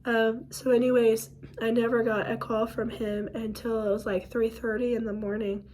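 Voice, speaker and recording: A woman with a hoarse, worn voice speaks in a fairly high register, though her pitch stays flat and level. She tells a painful personal story haltingly, with many pauses and fillers. Her comes through plainly. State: hoarse from illness. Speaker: vlogger.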